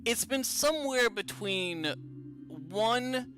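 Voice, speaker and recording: A man's voice: extremely high pitch, expressive, takes it slowly, bright, forceful tone, faint music behind, voice pushed up, full character voice. A man voicing the ghost of a male cloud giant, rambling and stammering defensively in a tabletop game. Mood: flustered. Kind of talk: tabletop game role-play.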